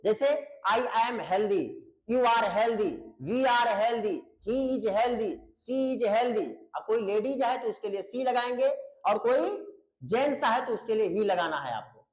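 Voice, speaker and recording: A male English teacher with a high voice explains grammar in Hindi during an online lesson, demonstrating pronunciation. Through repetition of key words and questions to students, whom he patiently calls beta, he drills each point. The audio is poor.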